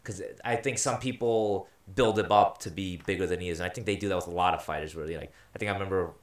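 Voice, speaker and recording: Low-voiced, fast-rambling man. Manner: rambling, swearing, animated. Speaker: podcast co-host. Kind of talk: casual chat. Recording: roomy echo.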